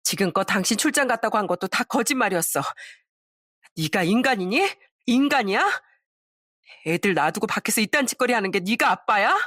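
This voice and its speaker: A woman voicing a furious betrayed wife who shouts sharp accusations at her cheating husband in a story drama. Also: medium pitch, expressive, fairly quick, no echo, clean studio sound.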